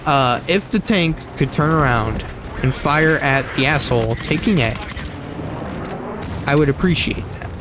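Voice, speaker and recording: A young male gaming streamer with a fairly high, lively voice talks nonstop at a measured pace while playing a shooter, with background noise behind him. His casual commentary rambles, repeats and corrects itself, and his throat sounds slightly froggy.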